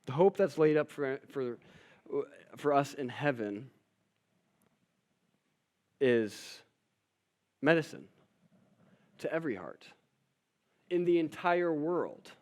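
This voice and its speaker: A man's voice: medium pitch, expressive, slow, long pauses, a little mellow. A young male pastor giving a sermon in a casual, humorous storytelling manner.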